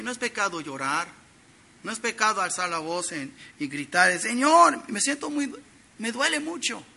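A middle-aged male preacher with a high voice and a very bright, sharp, forceful edge to it. He teaches earnestly through a sermon, pushing lines out loudly for emphasis and then falling to near-quiet asides. The delivery feels like a pulpit talk. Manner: earnest teaching, swings between loud emphasis and soft drops. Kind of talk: expository sermon.

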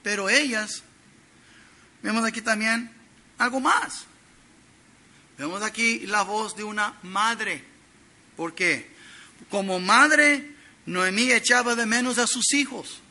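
A middle-aged male preacher with a high voice and a very bright, sharp, forceful edge to it. He teaches earnestly through a sermon, pushing lines out loudly for emphasis and then falling to near-quiet asides. The delivery feels like a pulpit talk. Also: slow pace, pauses often. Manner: earnest teaching, swings between loud emphasis and soft drops. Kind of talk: expository sermon.

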